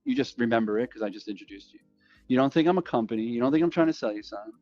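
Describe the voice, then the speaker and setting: A man's voice: mid-range voice, animated, rapid-fire, darkish tone, lo-fi sound, faint music behind. A man in a casual podcast chat, talking with energy, repeating himself and acting out sales calls. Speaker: guest.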